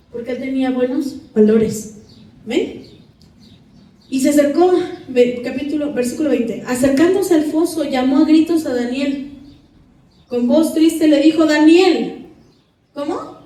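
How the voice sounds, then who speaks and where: A woman preaches a sermon in a high, mellow voice. She reads scripture aloud and keeps asking the congregation questions. Her voice comes from far off in an echoey hall. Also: measured pace, long pauses.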